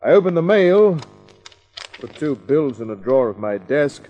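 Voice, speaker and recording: An actor playing a hard-boiled private eye, who narrates and trades dry cracks in a vintage radio drama. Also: male voice, on the high side, very animated, normal speed, muffled recording, faint music behind. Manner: dry, wisecracking. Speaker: narrator and lead. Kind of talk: 1940s radio acting.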